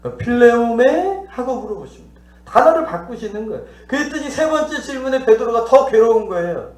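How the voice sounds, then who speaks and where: Male pastor, high-pitched, preaching with questions to the congregation and acted dialogue, in a reverberant church. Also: very animated, quick pace, darkish tone. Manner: teaching, asks the congregation questions and acts out dialogue. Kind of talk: sermon. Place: church sanctuary.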